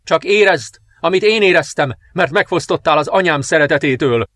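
A man voicing a vengeful sixteen-year-old dark princess in an audiobook, proclaiming and cursing in a raised voice. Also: a little high, voice pushed up, natural voice. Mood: furious. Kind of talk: audiobook character reading.

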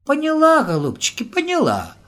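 A man voicing a superstitious, fearful old village woman in a high, sing-song, wailing voice. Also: animated, slow, full character voice. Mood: excited. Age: older.

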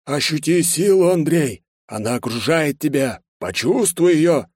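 A man's voice: on the high side, expressive, unhurried, darkish tone, husky, no room sound, clean studio sound, pitched above the performer's own voice. A man voicing a playful, mocking young man who laughs and teases. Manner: teasing, laughing.

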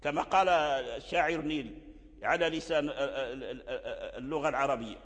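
An older man teaching Quranic readings, explaining slowly with many repeats and chanting short example readings. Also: mid-range voice, fairly bright tone, in a large hall.

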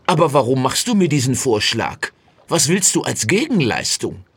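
A man playing a brave but wary young soldier in a fairy tale, with a husky voice. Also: medium pitch, huge pitch swings, takes it slowly, pushed and bright, dry recording, heavily acted.

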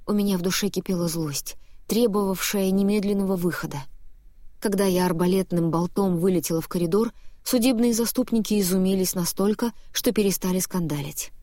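A woman narrating a first-person audiobook in an expressive, lively storytelling manner, close to the mic. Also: medium pitch, fairly quick, dry recording.

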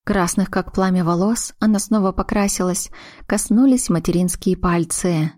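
A woman narrating a novel with an even, storytelling delivery. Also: on the low side, normal speed, no echo, studio quality. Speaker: audiobook narrator. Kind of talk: scripted narration.

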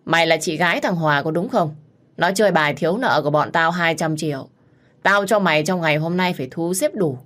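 A woman voicing a brutal male loan shark who threatens loudly, in a read-aloud story. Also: on the low side, fairly quick, close to an everyday voice. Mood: menacing. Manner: loud and threatening.

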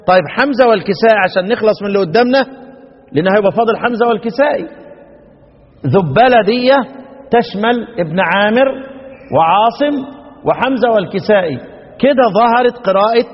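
A middle-aged man with an Egyptian accent teaching recitation rules, quizzing his students with repeated questions and chanting verse lines slowly. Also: high-pitched. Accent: Egyptian Arabic. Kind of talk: classroom lesson explaining recitation rules. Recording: dull lo-fi recording in a long-reverb hall.

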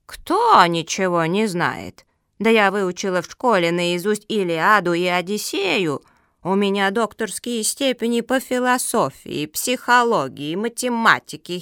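A woman's voice: medium pitch, fairly bright tone, clean tone, no room sound, clean studio sound. A woman voicing a fussy, pompous old female turtle scholar in a children's audiobook, lecturing and grumbling. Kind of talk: audiobook character reading.

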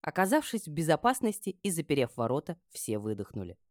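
Female audiobook narrator, low voice, lively delivery, dry studio sound. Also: brisk, no room sound. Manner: lively, expressive. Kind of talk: first-person novel narration.

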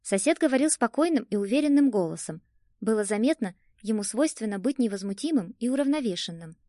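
A woman narrating a first-person audiobook in a lively, expressive storytelling manner. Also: on the high side, a little fast, no room sound, clean studio sound.

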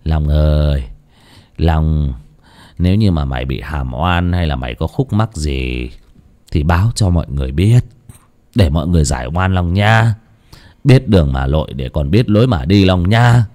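Man voicing a calm old clan elder. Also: sits low, dry recording, pitched below the performer's own voice. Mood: murmured plea. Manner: slow, measured storytelling with hesitant fillers. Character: old clan elder over eighty, bald, calm and wise.

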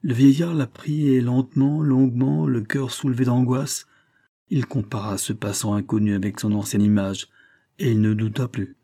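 A male audiobook narrator with a dark, husky, low voice, reading literary prose in a measured, expressive way. The recording is dry and close. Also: no room sound.

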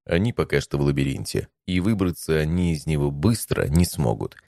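A man narrating a first-person audiobook in an even, measured reading. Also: a bass voice, gravelly, no echo, clean studio sound.

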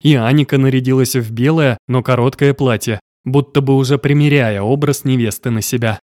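A man reading a first-person audiobook in a measured, even way. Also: medium pitch, no room sound, clean studio sound. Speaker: audiobook narrator.

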